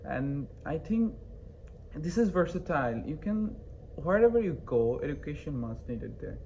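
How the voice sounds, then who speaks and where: A man's voice: a little high, very animated, moderate pace, creaky, darkish tone, a little hiss or hum, poor audio. A young man from Bangladesh, a student and interview guest, answering hesitantly with many fillers and restarts. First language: not English. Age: young adult.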